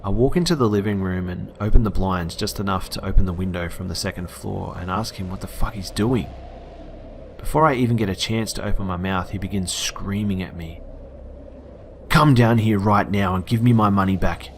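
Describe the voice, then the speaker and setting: A man narrates a horror story in a low voice. His delivery is casual and blunt, with occasional swearing. A faint hiss sits under the recording. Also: fairly quick, vocal fry.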